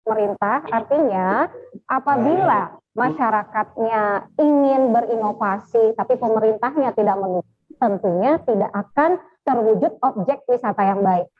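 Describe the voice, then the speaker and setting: A woman's voice: fairly high pitch, normal speed. A woman giving an online lecture over a video call, her audio choppy and breaking up, asking her listeners questions as she goes. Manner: addresses listeners with repeated questions. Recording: tinny video call line with faint music.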